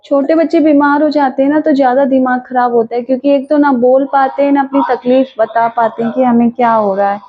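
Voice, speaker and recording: A woman's voice: high-pitched, fairly even intonation, a little fast, few pauses, lo-fi sound. Weary mother vlogging at home. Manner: weary, soothing a sick child. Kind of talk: casual home vlog. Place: home kitchen.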